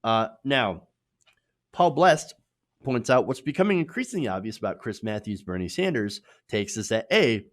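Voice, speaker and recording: American man, emphatic commentary with swooping pitch. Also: very animated, moderate pace. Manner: emphatic, repeats points in short punchy phrases, tags with "right?". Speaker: host of an online political commentary show. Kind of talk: opinionated political commentary.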